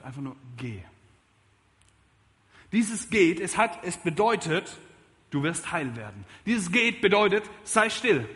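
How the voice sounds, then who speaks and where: A man delivers an animated sermon, pressing his points hard and then dropping to a hushed appeal. His voice sits high for a man. The sound carries a long reverb from a church hall. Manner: lively, emphatic preaching with shifts from loud to quiet. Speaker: pastor. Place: church service.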